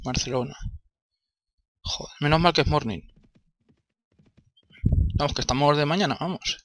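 A man's voice: a little high, normal speed, fairly bright tone, no room sound. A young man from Spain with a Spanish accent, commentating his own gameplay, grumbling and swearing as he plays. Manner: exasperated, swears often, talks to himself. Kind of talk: let's play commentary.

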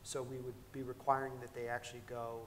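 A man's voice: medium pitch, monotone, quick pace. A middle-aged man giving a conversational keynote on a conference stage and taking audience questions, with frequent ums and restarts. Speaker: keynote speaker. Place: large conference hall stage. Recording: long hall reverb, faint noise.

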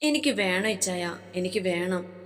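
A woman's voice: fairly low pitch, animated, unhurried, big-room sound, soft background music. A woman voicing a shy but stubborn young wife, in a storybook reading. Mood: yearning. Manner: hesitant then stubborn.

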